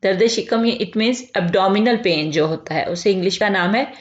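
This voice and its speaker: Woman teacher, vocabulary lesson, unhurried, repeats each word, echoey dull recording. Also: mid-range voice. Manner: repeats each term slowly and clearly.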